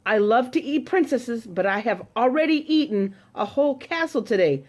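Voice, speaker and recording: A woman voicing a boastful, lazy male dragon in a storybook reading, low and gloating. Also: animated, moderate pace, darkish tone.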